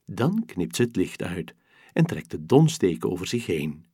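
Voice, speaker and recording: A man narrating a children's bedtime story slowly and expressively. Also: low-pitched, husky, no room sound, clean studio sound. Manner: slow, expressive, gentle storytelling.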